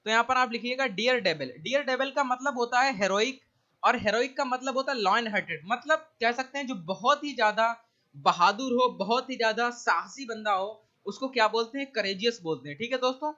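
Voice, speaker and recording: A man with a Hindi accent teaches English vocabulary in an online exam-prep lecture. His voice is bright and forceful, and he keeps checking that his listeners are following. The recording sounds dull and lo-fi. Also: extremely high pitch, lively intonation. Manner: explains each word slowly with repeated checks like "theek hai".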